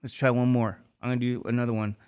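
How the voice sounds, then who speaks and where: A man teaching a math class, lecturing with quick questions to the students that he answers himself. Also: mid-range voice, flat delivery, darkish tone, clear, resonant tone.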